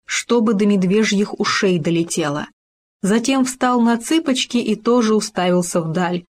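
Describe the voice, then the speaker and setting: A woman's voice: on the low side, a little mellow. Woman reading a storybook aloud. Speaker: narrator.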